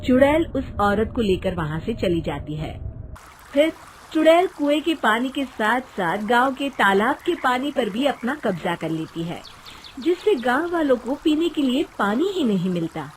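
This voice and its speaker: A woman's voice: a little high, unhurried, slight background noise. A woman narrating a Hindi cartoon story. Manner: lively storytelling.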